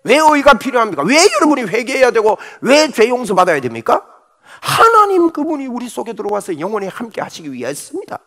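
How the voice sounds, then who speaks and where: A middle-aged male pastor preaching a Sunday morning sermon fervently, with sudden shouts. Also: very high-pitched, big pitch swings, a little fast.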